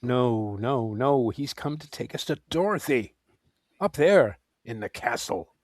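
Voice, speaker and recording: A man's voice: medium pitch, lively intonation, unhurried. A man playing a brave, loyal tin man in a comic radio play, firm and reassuring. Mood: resolute.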